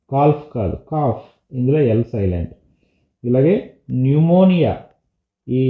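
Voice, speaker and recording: A man with a Telugu accent teaches a textbook lesson, explaining each English word patiently and slowly. His voice comes through a narrow, tinny line, as if over a phone, and the room around him rings with echo. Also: medium pitch.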